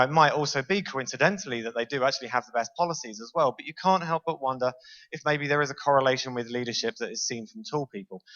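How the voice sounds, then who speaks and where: On stage in a large lecture hall, a British man gives a relaxed, self-aware conference talk to a live audience and puts questions to them. His voice is a little high and a bit bright, and the recording sounds muffled.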